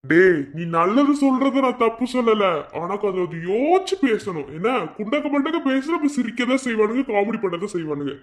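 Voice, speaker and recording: A man's voice: very high voice, big pitch swings, fairly quick, few pauses. A man voicing a cheeky young male college student in a cartoon, with a Madurai Tamil accent and joking banter. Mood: mocking. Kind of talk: cartoon voice acting.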